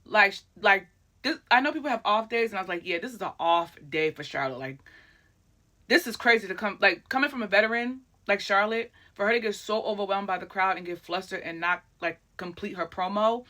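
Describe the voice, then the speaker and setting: A woman hosts a casual recap with a bright, forward tone. She talks in an excitable, chatty rush, packed with fillers and asides. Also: medium pitch, brisk. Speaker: wrestling recap host.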